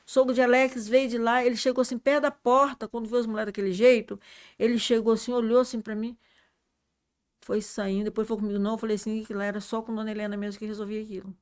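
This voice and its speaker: A woman with a somewhat high voice tells a religious testimony as a guest. Her delivery is dramatic and earnest. She swings from hushed tones to loud outbursts and repeats her key words. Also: level tone, fast talker, smooth. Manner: repetitive, earnest, addresses listener as "irmão". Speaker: guest, prayer circle leader.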